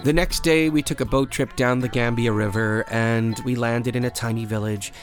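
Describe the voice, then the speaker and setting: A man hosting a radio show, telling a first-person story in a measured, expressive way and raising his voice at the tense moments. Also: mid-range voice, music in the background.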